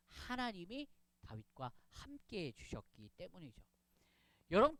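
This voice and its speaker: A man preaching to children, keeping them engaged with a stream of questions. His voice is high and smooth, and it sounds close and dry. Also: no room sound. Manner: animated, asks children questions. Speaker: pastor. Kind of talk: children's sermon.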